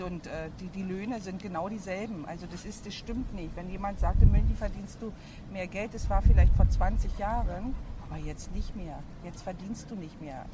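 Chatty woman in her fifties, street traffic. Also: medium pitch. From Berlin, raised in East Germany. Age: 50s. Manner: chatty, frank, restarts often. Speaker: interviewee. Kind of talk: casual street interview. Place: outdoors on a city street. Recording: loud traffic noise outdoors.

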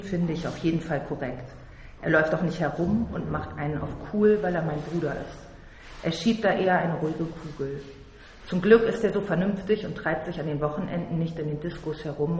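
A man from Berlin reading a first-person story aloud in a blunt, slangy, tough-talking way. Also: a little high. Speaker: narrator. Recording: roomy hall reverb, faint noise.

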